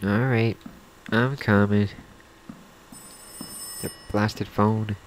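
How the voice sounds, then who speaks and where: A man's voice: on the low side, steady tone, extremely slow, slight background noise, poor audio. A man commenting as he plays a horror game, nervously muttering to himself and tripping over words when he reads aloud. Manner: stumbles when reading aloud. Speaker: video game player.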